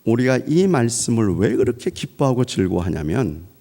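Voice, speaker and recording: Gravelly-voiced pastor preaching with big swells. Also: male voice, big pitch swings, normal speed, dark tone. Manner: preaching with dramatic swells of pitch and volume. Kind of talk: Sunday sermon.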